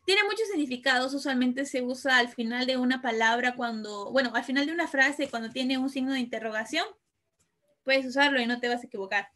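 High-voiced woman giving a casual talk. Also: a little fast, pushed and bright. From Peru. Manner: explains patiently with many fillers and "¿no?" tags. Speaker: lecturer on Italian customs. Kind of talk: informal talk to an audience.

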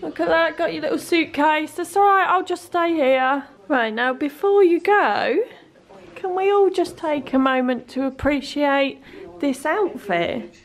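A woman's voice: high voice, measured pace. A young woman chatting casually in her vlog, bubbly and full of exclamations. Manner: bubbly and exclamatory, gushes at dogs. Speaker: vlogger.

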